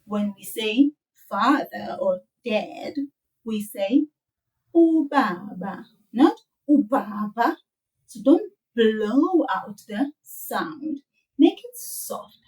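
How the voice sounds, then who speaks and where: Slow, gentle South African woman teacher. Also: fairly high pitch, lively intonation, distant mic, rough recording. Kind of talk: children's language lesson.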